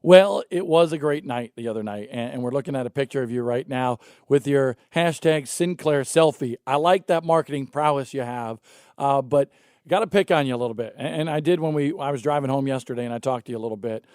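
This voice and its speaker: A man's voice: mid-range voice, a little fast, a little mellow, dry recording, studio quality. A man hosting a casual morning show about racing, chatting and joking with his co-host and a guest driver.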